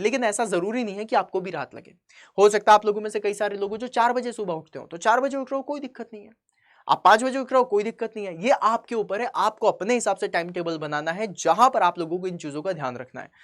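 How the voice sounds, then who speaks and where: Lively man giving study advice. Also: high voice. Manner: conversational, frequent tag questions, rising emphatic delivery. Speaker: exam coaching teacher. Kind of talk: motivational study advice talk.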